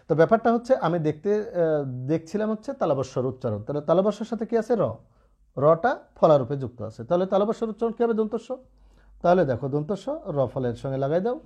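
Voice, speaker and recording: A man's voice: a little high, mellow. A man teaching Bengali pronunciation rules in an online lesson, patiently checking in with students as he explains. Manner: patient, asks students rhetorical checks often.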